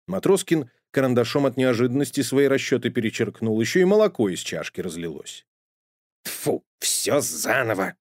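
A male narrator reads a children's story with lively, expressive pitch. His voice sits in the middle range. The recording is dry and close. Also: brisk, few pauses, no room sound.

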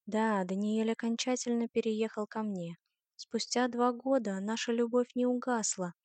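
A woman narrates a first-person novel with even, expressive storytelling. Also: a little high, moderate pace, no echo. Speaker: audiobook narrator.

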